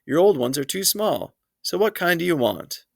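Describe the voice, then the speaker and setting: A man reading aloud voices a fussy, worried mother of two boys, talking higher and slower than his own voice. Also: very animated, vocal fry, no room sound, clean studio sound, exaggerated voice. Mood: firm. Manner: anxious, fussing, higher slower voice.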